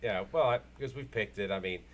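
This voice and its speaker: A lowish-voiced man hosts a casual, unscripted sports talk show. He rambles, halts and repeats himself.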